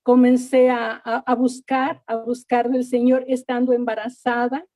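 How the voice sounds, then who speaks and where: A woman's voice: a little high, level tone, measured pace, dark tone, no room sound. A middle-aged woman giving an earnest church testimony, often repeating words and thanking God. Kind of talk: personal faith testimony.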